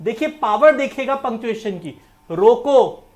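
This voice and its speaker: With a fairly high, slightly mellow voice, this Indian-accented woman lectures animatedly, if a little slowly, on English grammar for exam prep. As an English teacher, she breaks things down step by step and blends English terms into her Hindi. A cough keeps interrupting her, and she needs water.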